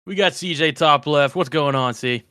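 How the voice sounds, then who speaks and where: A man's voice: a little high, moderate pace, sharp tone, dry recording. Man hosting a podcast, casual, slangy, joking, dry close sound. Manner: laid-back, joking, slangy. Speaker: podcast host.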